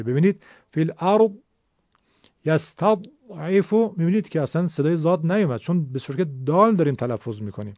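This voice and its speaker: Male tajweed teacher, patient explainer, slow demonstrations, lo-fi recording. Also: a little high, dark tone, no room sound. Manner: explains slowly, then demonstrates drawn-out Arabic sounds. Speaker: Quran recitation teacher. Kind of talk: tajweed lesson with recited examples. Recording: dull lo-fi recording.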